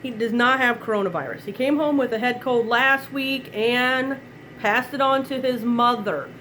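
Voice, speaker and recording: A middle-aged woman with a slight head cold rambles chattily through a live online product demo from her kitchen, working as a direct-sales consultant and chuckling often. Her voice is a little high and sharp at a normal speed. The recording is low quality, with slight background noise.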